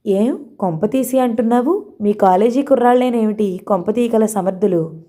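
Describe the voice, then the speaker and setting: A woman's voice: on the high side, normal speed, lightly acted. A woman voicing a scolding fond mother. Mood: chiding. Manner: fond but sharp-tongued. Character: affectionate, scolding middle-aged mother.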